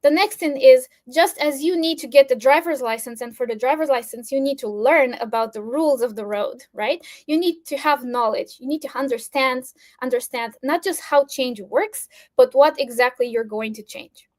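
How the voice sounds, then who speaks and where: A woman's voice: sits high, moderate pace, few pauses. A woman from Romania giving an earnest presentation over a video call, with fillers and restarts. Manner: earnest, with fillers and restarts, briefly flustered by tech trouble. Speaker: speaker at an online talk. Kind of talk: presentation talk.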